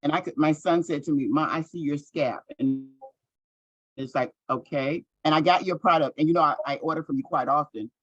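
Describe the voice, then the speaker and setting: An older woman in her sixties speaks earnestly on a video call. Her voice is husky, and the sound is dull and muffled over a dry line. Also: sits low, brisk, no echo. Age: 60s. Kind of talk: casual video call chat.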